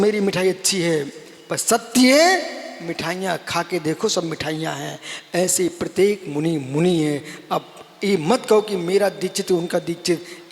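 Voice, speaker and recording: A man's voice: high voice, vocal fry. A man giving a sermon as a monk, exhorting his listeners, calling them by name and repeating phrases for emphasis. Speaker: Jain monk preacher. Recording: long hall reverb.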